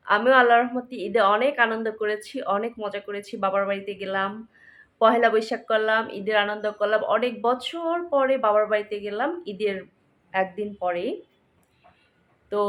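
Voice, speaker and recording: A woman vlogger speaks with a Narsingdi Bengali accent in a slightly high voice. She chats casually and apologetically to her viewers, mixing English words into her talk. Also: a bit bright. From Narsingdi, Bangladesh. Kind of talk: casual vlog chat to viewers.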